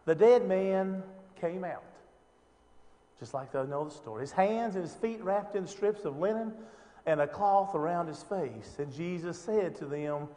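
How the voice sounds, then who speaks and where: A man's voice: high-pitched, measured pace, mellow, in a large hall. A man teaching an informal Bible lesson, talking conversationally with lots of fillers and rhetorical questions.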